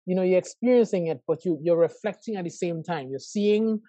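A man's voice: high voice, brisk, warm tone, dry recording. A man in his forties from Trinidad and Tobago with a Trinidadian accent, a professor speaking as a guest in an interview, thoughtful and reflective, often asking "right?". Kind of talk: conversational interview over a call.

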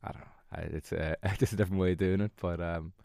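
In this interview, a Donegal-born musician chats casually in his local Irish accent, modest and a bit hesitant but relaxed. He talks fast in a low, darkish voice with fairly even intonation, and the studio-quality recording is dry.

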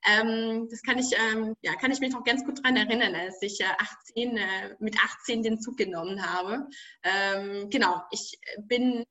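A woman's voice: a little high, fairly even intonation, a little slow, sharp tone, slight background noise. A young woman from France, a guest in a casual interview, talking hesitantly with many fillers and restarts.

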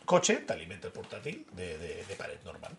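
A man's voice: low voice, brisk, slight background noise. A man, co-hosting a podcast and telling stories animatedly, acting out the dialogue. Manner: animated storyteller who acts out dialogue. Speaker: podcast co-host. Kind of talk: casual storytelling chat.

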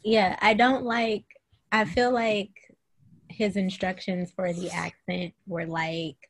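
A woman in her thirties co-hosts a casual podcast, telling the episode's events in an animated, profane way. Her voice sits at an ordinary pitch, and she laughs often as she talks. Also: slow pace. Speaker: podcast co-host. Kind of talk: casual chat recapping a TV show.

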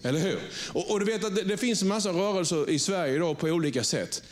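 A pastor preaching to his congregation in a conversational way, often checking for agreement and restarting his sentences. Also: high voice. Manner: frequent restarts and repeated words. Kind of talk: sermon. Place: church before a congregation.

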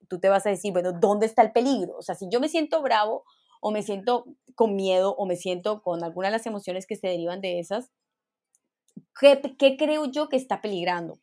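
Woman guest explaining emotions, calm teaching tone, middle pitch. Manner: calm and instructive, lists steps. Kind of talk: explanatory podcast interview.

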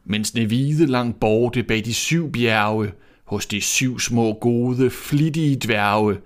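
En mand der spiller et højtideligt magisk spejl, langsomt og afmålt. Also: male voice, mid-range voice, natural voice. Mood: solemn. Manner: slow, measured pronouncement. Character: solemn magic mirror on the wall. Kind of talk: storybook reading.

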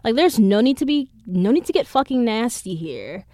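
A woman's voice: fairly high pitch, sing-song, normal speed, mellow, no room sound, studio quality. A woman in her twenties hosting a podcast, telling a story in a casual, blunt and profane way. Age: 20s. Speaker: podcast host. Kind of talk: casual chat.

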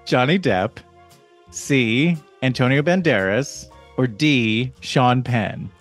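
A man's voice: medium pitch, slow pace, faint music behind. A man co-hosting a casual podcast, playfully reading quiz questions and laughing along. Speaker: podcast co-host. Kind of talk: casual chat.

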